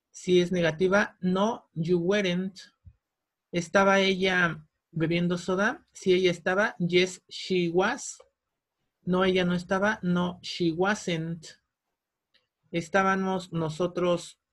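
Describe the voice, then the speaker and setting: A man teaching English grammar in a recorded lesson, explaining patiently step by step and slowing down for the English examples. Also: sits high, a bit bright.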